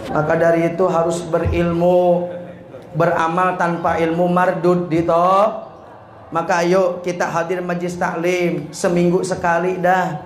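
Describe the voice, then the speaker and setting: A man's voice: sits high, completely flat delivery, unhurried. A man preaching a humorous sermon, telling jokey stories and quizzing his audience. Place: prayer room. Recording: echoey prayer room, faint noise.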